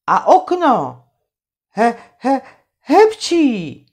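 Storybook reading: woman putting on a loud, whiny old landlord, sneezing and blustering, pitched up high. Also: sing-song. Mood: sneezing, angry. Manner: shouting, sneezing fits. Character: grumpy rich old landowner, sneezing, blustering.

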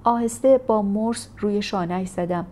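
A woman narrating a first-person memoir in a steady, measured audiobook reading. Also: mid-range voice, slight background noise. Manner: steady, measured storytelling delivery.

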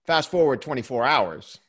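Recording from his home basement studio, a podcast co-host chats casually, rambling, restarting sentences and chuckling. His voice is medium-pitched, a bit bright and husky.

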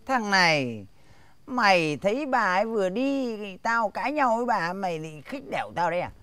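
A grumpy old village chief. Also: male voice, sits high, sing-song, moderate pace, a bit bright, smooth, no room sound. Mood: gruff. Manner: bossy, scolding, full of grunts. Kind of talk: slapstick comedy film acting.

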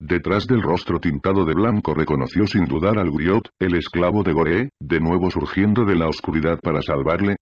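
A man narrating a novel in a steady, measured audiobook reading. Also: low-pitched, no room sound, dull audio.

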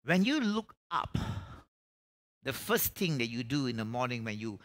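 A man's voice: mid-range voice, very animated, normal speed, fairly bright tone. A middle-aged man preaches a conversational revival sermon, emphatically, with repeated phrases and rhetorical questions. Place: church stage, indoors.

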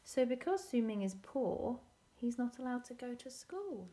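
A woman teacher reading a storybook aloud to children, expressive, often dropping to a whisper and asking questions. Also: fairly high pitch, a little slow, a little hiss or hum.

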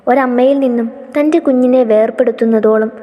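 A woman's voice: fairly high pitch, fairly even intonation, fairly quick, long reverb tail, muffled recording. A woman reading a serialized story aloud as narrator, giving the characters' lines small shifts in tone.

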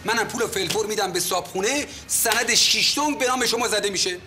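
A man's voice: sits high, background noise, close to an everyday voice. A man playing a pushy wheedling building manager. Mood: coaxing. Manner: wheedling, insistent, calls others "dear". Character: pushy smooth-talking male building manager chasing money. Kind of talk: Persian TV comedy series acting.

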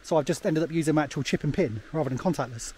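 A man's voice: on the high side, rapid-fire, warm tone, breathy edge. A man, chatting casually and rambling with lots of fillers while hiking a snowy path, filmed on a camera at arm's length outdoors. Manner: rambling, chatty, laughs often, many fillers. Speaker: travel vlogger. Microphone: camera held at arm's length.

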